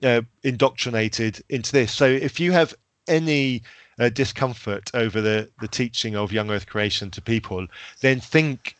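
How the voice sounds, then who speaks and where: A man's voice: mid-range voice, moderate pace, a bit bright, no echo. A man who grew up in Zambia, a podcast guest speaking frankly and emphatically in casual discussion.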